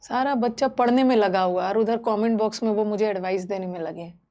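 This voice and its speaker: A woman's voice: medium pitch, fairly quick, dark tone. A woman teaching a live online exam-prep class, explaining terms in a mix of Hindi and English and checking in with students often.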